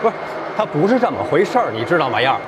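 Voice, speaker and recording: A boastful engineer husband, smooth-talking, lively voice. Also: male voice, a little high, very fast, noisy background. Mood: pleading. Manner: smooth-talking, pleading, indignant. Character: boastful philandering male engineer, self-justifying. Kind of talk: TV period drama acting.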